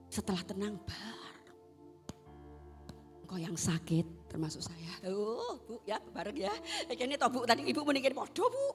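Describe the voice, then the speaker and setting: A woman with a Javanese accent preaching a sermon, swinging between loud exhortation and hushed asides. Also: sits high, slightly rough. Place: church service.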